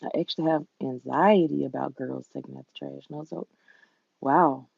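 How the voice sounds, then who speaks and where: A woman with a Southern US accent and a folksy, drawn-out drawl, chatting casually with viewers as a livestream host. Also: rumbling low, steady tone, creaky, a little mellow, husky, dry recording, muffled recording. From southern United States.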